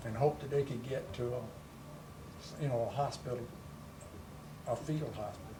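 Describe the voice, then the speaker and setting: A man's voice: mid-range voice, unhurried. An elderly man, a war veteran, remembering his service in a plain-spoken, conversational way. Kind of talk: recollecting wartime service in conversation. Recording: noisy room, distant microphone.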